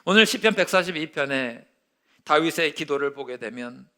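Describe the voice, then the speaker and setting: A male pastor preaching a sermon, telling a story and acting out its quotes, dropping to a hush and rising loud again. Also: a little high, animated, moderate pace, clear, resonant tone. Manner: storytelling with acted-out quotes, swinging from hushed to loud.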